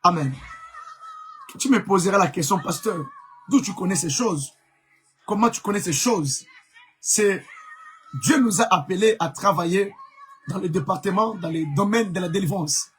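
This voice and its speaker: A man's voice: high-pitched, moderate pace, pauses often, a bit bright, soft background music. A man from Congo preaching a live-streamed sermon as an evangelist, emphatic, repeating key words, with many fillers.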